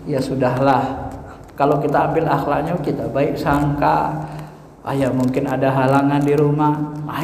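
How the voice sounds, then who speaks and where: Man preaching in an echoey hall. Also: sits high. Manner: animated, asks rhetorical questions and answers them. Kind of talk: religious lecture.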